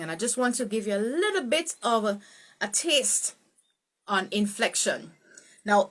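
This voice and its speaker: A woman teaching a live online speech tutorial, greeting viewers and swooping her pitch up and down to show emphasis. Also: a bit bright. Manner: greets viewers by name, laughs easily. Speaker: speech coach.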